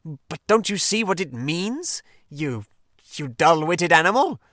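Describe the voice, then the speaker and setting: Loud impatient rat, a man voicing him, pushy and emphatic, voice jumps around. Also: high-pitched, very animated, slow pace, no echo, studio quality, voice pushed up, exaggerated voice. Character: impatient, excitable male water rat.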